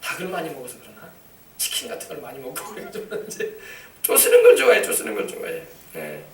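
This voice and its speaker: A pastor preaches an emphatic, repetitive sermon in a church sanctuary, drawing responses from the congregation. His voice is slightly high and creaky, swinging hugely in pitch as he talks fast. The recording is echoey, with the mic far away.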